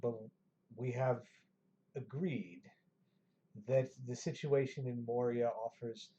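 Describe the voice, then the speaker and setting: A man's voice: mid-range voice, steady tone, mellow, muffled recording, close to an everyday voice. A man doing a grave, solemn council elder. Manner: slow, solemn, deliberate. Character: grave, formal male elven wizard council speaker.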